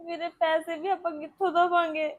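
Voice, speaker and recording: A woman's voice: high voice, normal speed, dull audio, natural voice. An actress playing a worried young woman who pleads tearfully for justice. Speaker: distressed young wife seeking justice. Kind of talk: Punjabi web-series acting.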